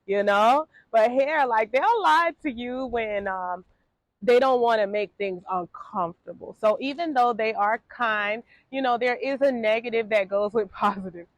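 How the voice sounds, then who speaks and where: A woman's voice: a little high, measured pace, no room sound. Chatty Jamaican-born woman with an American accent. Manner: chatty, many fillers, laughs often. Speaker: travel vlogger. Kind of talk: casual talk to camera. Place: Ghana.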